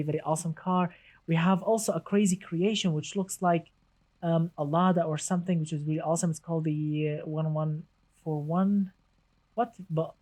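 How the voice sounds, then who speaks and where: A man's voice: on the high side, a little mellow. A man hosting a casual gaming live stream, chatty and enthusiastic, greeting viewers and reading the chat aloud.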